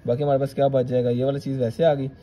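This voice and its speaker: A man's voice: medium pitch, little pitch movement, very fast, mellow, slight background noise. A male maths teacher, talking students through each step of a solution and checking in with "theek hai".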